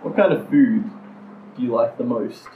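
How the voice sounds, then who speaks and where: A man's voice: medium pitch, moderate pace. A man playing a tabletop game, chatting playfully and speaking earnestly in character. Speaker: player. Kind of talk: casual tabletop game play. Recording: roomy, slightly dull with faint noise.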